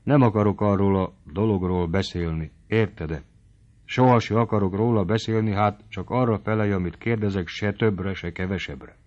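Strict old-fashioned father, played by a male reader; low, firm, measured. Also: a little mellow, dull audio, natural voice. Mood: stern.

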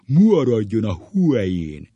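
A man reading a comic story, voicing a stern old male schoolteacher with a deep trembling voice and drawn-out, mangled vowels. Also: wildly swooping pitch, warm tone, husky, dry recording, highs cut off, full character voice.

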